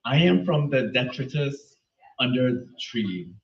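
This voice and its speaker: A man reading a poem aloud at an open mic in an earnest, measured way. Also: mid-range voice, big pitch swings. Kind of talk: poetry reading. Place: small venue. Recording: echoey room from far off, dull sound.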